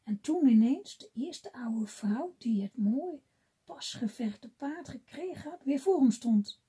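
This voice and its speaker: A woman reading a children's fairy tale aloud gently, often dropping to a whisper. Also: high-pitched, expressive, takes it slowly, husky. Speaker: storybook reader.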